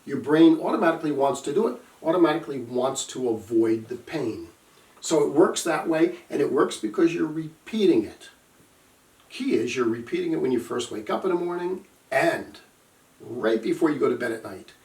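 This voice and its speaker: A man's voice: fairly high pitch, animated, moderate pace, darkish tone. A middle-aged man, a recovery coach, talking earnestly and emphatically to camera and telling stories from his own life. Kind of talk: casual talk to camera. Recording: echoey room, mic at a distance.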